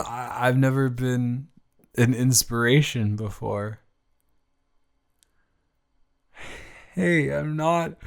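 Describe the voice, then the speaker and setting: A young man with a medium-pitched, creaky voice improvises an audio roleplay as a tender college student confiding in a childhood crush. He stammers and halts, sounding flustered and touched.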